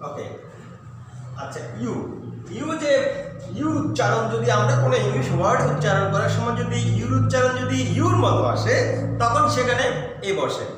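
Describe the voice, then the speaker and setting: A man from Bangladesh teaching an English lesson patiently, repeating words slowly and pausing to check that students understand. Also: very high-pitched, over music. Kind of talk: recorded classroom lesson. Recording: echoey room, mic far off.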